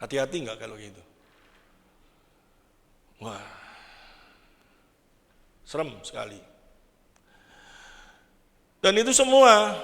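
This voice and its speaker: Male preacher, lively, fairly high voice, long hall echo. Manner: animated, quizzing the congregation, acting out prayers. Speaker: pastor. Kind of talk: sermon. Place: large church hall. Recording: echoey church hall.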